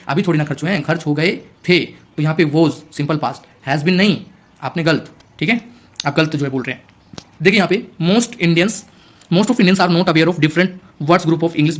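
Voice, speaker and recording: High-voiced male tutor, repetitive. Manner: repetitive, constantly checking in with students; explains in mixed Hindi and English. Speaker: teacher. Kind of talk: exam-prep lecture.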